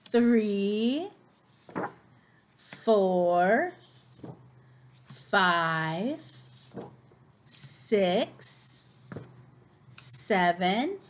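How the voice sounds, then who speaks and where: A woman teaching preschoolers as host of a children's lesson, speaking slowly with exaggerated, cartoonish sing-song intonation. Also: medium pitch, a little hiss or hum. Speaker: preschool teacher hosting circle time.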